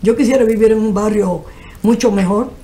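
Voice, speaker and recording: A woman's voice: mid-range voice, a little fast, warm tone. An older woman from the Dominican Republic with a Dominican Spanish accent, speaking earnestly as a guest on a TV panel show, recorded on a desk mic in a studio. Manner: earnest, gesturing, speaks in long explanatory runs. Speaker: guest, cultural manager. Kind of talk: TV panel discussion. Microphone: desk microphone.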